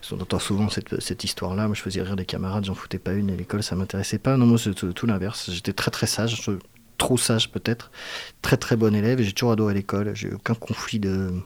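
A man's voice: lowish voice, a little mellow. A man from France, an actor, speaking reflectively in a casual interview, often hesitating as he searches for words. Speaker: guest actor.

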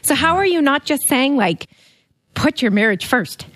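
Female co-host, lively, supportive listener, dry close recording. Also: high voice, normal speed, dry recording. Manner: affirming listener, frequent "mm-hmm" and "yeah". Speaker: podcast co-host. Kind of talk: casual chat.

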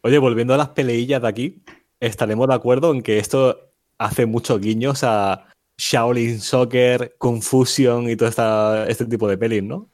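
A man's voice: mid-range voice, fairly even intonation, normal speed, a little mellow, no room sound, studio quality. A man, chatting casually and steering the conversation. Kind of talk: casual chat.

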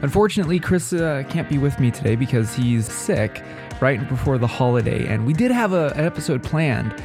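A man's voice: medium pitch, big pitch swings, brisk, over music. A man with a nasal voice stuffed up by a head cold, chatting casually and playfully to listeners as a podcast host. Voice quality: nasal, congested voice.

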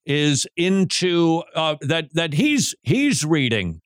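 A man hosting a talk radio show, joking and animated, who often restarts his sentences. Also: fairly high pitch, slow pace, no echo, clean studio sound.

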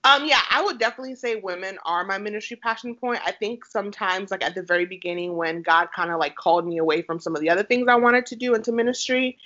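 Bright-voiced young woman from Haiti. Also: medium pitch, quick pace, hardly any pauses. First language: Haitian Creole. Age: 20s. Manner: warm, upbeat, frequent "um" and "like". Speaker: podcast guest. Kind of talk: casual interview chat. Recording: slightly lo-fi podcast audio.

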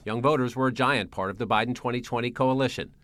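A man narrating a TV news report in a measured, deliberate reporter style. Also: medium pitch, fairly bright tone, a little hiss or hum.

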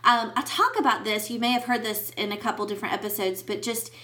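A woman's voice: a little high, quick pace, bright, forceful tone. A woman hosting a faith podcast, talking in a candid, rambling way with many fillers and restarts. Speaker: podcast host. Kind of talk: casual faith podcast monologue.

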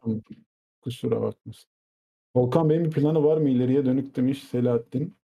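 A man co-hosts a relaxed tech news chat while talking on speakerphone, his mic pushed away so he sounds distant and a little echoey. His voice is gravelly, very dark and mellow, with an easygoing, apologetic way of talking. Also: medium pitch, brisk. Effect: on speakerphone, mic moved away. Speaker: co-host presenting tech news. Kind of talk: casual podcast chat.

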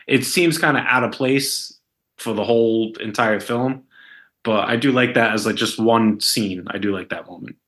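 A man's voice: on the low side, moderate pace, a bit bright. A man co-hosting a podcast, talking casually about a film in a hesitant way, full of fillers. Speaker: podcast co-host.

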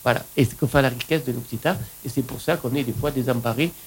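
Husky guy w a southwest french accent hosting a radio chat, rambles on, mixes in local words. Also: mid-range voice, steady tone, quick pace, low-quality recording. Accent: southwestern French, Occitan-tinged. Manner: rambling, enthusiastic, switches between French and Occitan. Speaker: radio host.

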